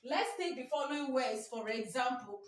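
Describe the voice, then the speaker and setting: Her high-pitched voice has lively intonation and a moderate pace, with a Nigerian English accent, recorded from a distance in an echoey space. Teaching biology for an exam, she frequently repeats herself and asks "what?" only to answer it herself.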